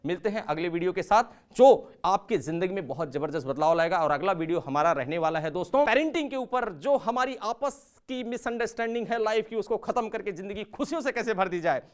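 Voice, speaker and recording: A communication trainer gives a motivational talk with a story, told dramatically with sudden jumps in loudness and pitch. He speaks a little fast with hardly any pauses, addressing viewers as friends and mixing English words into Hindi.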